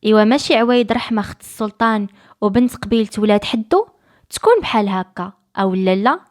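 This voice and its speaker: Woman playing a sly soft-talking seamstress in disguise, moroccan accent, quick. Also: mid-range voice, natural voice. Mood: coaxing.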